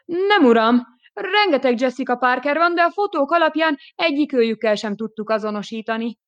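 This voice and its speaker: Woman voicing a nervous male police lieutenant, apologetic, flustered, high, loud, audiobook. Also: expressive, dry recording, dull audio. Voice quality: flustered, deferential.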